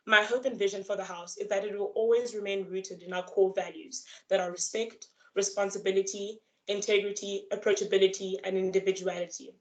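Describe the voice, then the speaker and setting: A young woman who is a student candidate delivering a prepared campaign speech over a video call, earnest, measured and formal. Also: mid-range voice, low-quality recording. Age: young adult.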